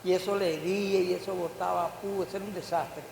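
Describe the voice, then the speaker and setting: In an echoey church hall with faint hiss, an older man preaches as pastor, talking fairly quickly with fairly even intonation. His high voice is slightly mellow with vocal fry, and he throws in rising bursts and questions for the congregation.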